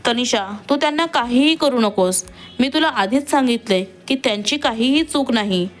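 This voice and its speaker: A woman's voice: fairly high pitch, lively intonation, normal speed, close to an everyday voice. A woman voicing a young man who protects his family and talks in an earnest, pleading way.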